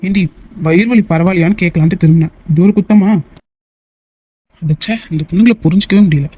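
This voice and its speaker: A voice actor dubbing a teasing, easily annoyed young man in a cartoon, talking in fast, bickering banter. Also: medium pitch, warm tone, slightly rough, no room sound, highs cut off, lightly acted. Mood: exasperated. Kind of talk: cartoon voice dub.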